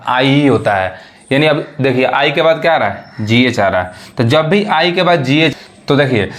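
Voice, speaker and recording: A male teacher gives a patient step-by-step lesson in a fairly high voice. He pauses often to check that viewers are following. He lowers his voice and slows down to sound out each example word. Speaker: English teacher. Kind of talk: classroom-style lesson explaining rules.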